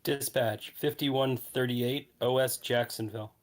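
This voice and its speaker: A man's voice: medium pitch, steady tone, unhurried. A man operating a model train in a remote session, answering the dispatcher with brief, formal acknowledgments. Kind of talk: radio-style operating calls.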